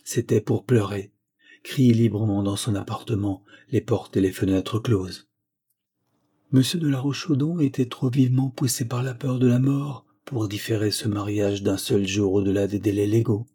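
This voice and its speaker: A male audiobook narrator reading a classic novel in a measured, steady way. His voice is dark and mellow, with a husky grain. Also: fairly low pitch.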